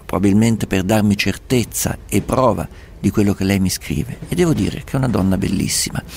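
A man's voice: fairly low pitch, a little fast, vocal fry, darkish tone. A male host in radio talk, musing rhetorically with ornate wording and emphatic repetition. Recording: faint background noise.

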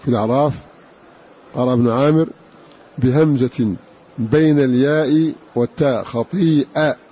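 A man giving a scholarly lecture on Quran readings, explaining slowly and repeating and drawing out key words. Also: medium pitch, mellow, husky. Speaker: Quran recitation teacher. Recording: dull lo-fi recording.

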